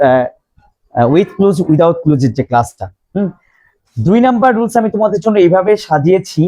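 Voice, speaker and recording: Man, teacher, classroom grammar lesson, mellow dark tone, drills questions to students. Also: on the high side, dull audio. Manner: slow, repeats questions to the class. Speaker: English teacher.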